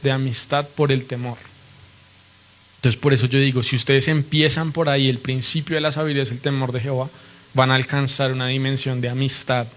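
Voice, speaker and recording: A man preaching a sermon, earnestly and reverently teaching, often asking his listeners questions. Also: medium pitch.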